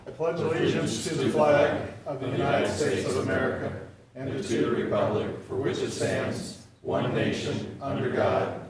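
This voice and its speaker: A man reciting slowly and evenly in unison with a group, captured like a courtroom recording of a public meeting chamber. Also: medium pitch. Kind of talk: reciting a pledge in unison with a crowd. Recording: echoey council chamber recording from far off, crowd voices.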